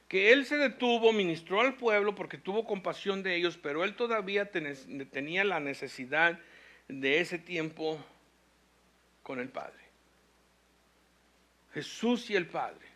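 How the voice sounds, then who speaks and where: A pastor with a high, bright, forceful voice preaches a sermon, reading scripture and telling a hospital story. He builds with rising intensity and slow, emphatic phrases to intense peaks.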